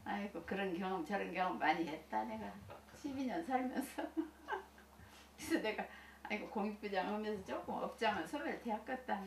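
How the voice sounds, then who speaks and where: A woman's voice: mid-range voice, expressive, brisk, creaky. Older woman chatting in an echoey room. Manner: folksy and chatty, laughs often, many restarts. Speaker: senior Won Buddhist minister. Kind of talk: recounting life experiences to listeners. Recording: echoey room, distant mic, faint hiss.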